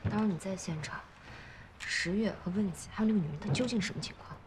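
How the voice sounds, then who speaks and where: A woman's voice: mid-range voice, fast talker, noisy background, lightly acted. An actress playing a worried female colleague who presses her boss for answers. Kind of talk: television drama acting.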